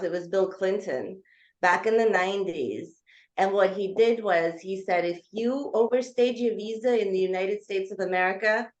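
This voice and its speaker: A woman in her thirties, from Georgia, a guest author telling her life story in an interview with earnest, hesitant phrasing full of ums. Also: mid-range voice. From Georgia (former Soviet Union). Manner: earnest, frequent ums, speeds up and slows down. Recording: echoey, dull lo-fi remote audio.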